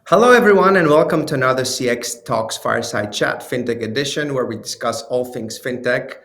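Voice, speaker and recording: Male moderator, relaxed questioning. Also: medium pitch, fairly quick, soft background music. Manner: friendly, loose questioning with "you know" fillers. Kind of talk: interview moderation.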